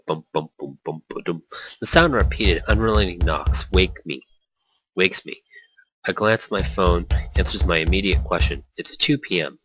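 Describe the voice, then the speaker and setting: A man with a low, fairly bright voice reads a visual novel aloud, brooding and introspective in the first person and briefly taking on character voices. Poor audio carries slight background noise and faint music.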